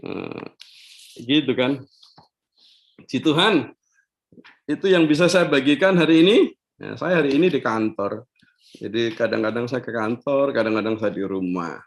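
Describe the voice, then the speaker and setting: A man's voice: mid-range voice, expressive, moderate pace, creaky, pauses often. A man preaching a casual, joking online sermon from his office. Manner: joking, playful, mixes in Javanese words. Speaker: pastor.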